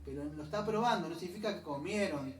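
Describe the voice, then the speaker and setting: A man, his voice pitched a little high, preaches a loose, chatty sermon that wanders into side stories and slows down to spell out Greek words. He sounds distant from the mic in an echoey church hall, with faint background noise. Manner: chatty, digressive, explains Greek words slowly. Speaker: pastor. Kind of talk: conversational sermon.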